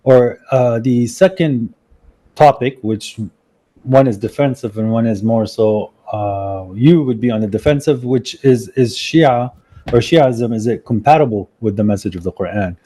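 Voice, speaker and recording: A man from Syria with a dark, mellow voice, calling in to a live debate. He speaks in a measured, hesitant way and pauses on fillers. His voice comes over a distant call line. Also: mid-range voice. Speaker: caller, debate guest. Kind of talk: casual debate.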